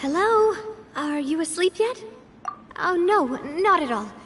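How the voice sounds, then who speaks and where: Navia, high-voiced confident young leader. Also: female voice, expressive, measured pace, noisy background. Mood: gentle, inviting. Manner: casual, playful, self-assured. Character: confident, breezy young female leader of a syndicate. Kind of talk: video game character acting.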